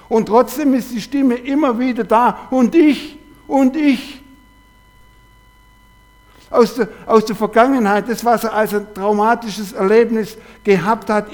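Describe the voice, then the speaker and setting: A man delivers a sermon in a noticeably high-pitched voice. He tells everyday stories and keeps returning to the same refrain and rhetorical questions. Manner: storytelling with repeated quoted refrains and rhetorical questions. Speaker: preacher.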